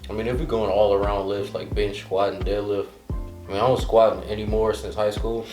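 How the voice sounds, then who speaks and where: A young man with a low voice chats in an easygoing, joking manner. The recording sounds roomy and echoey. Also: flat delivery, normal speed, a little mellow, faint music behind. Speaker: co-host. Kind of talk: casual chat. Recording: echoey room.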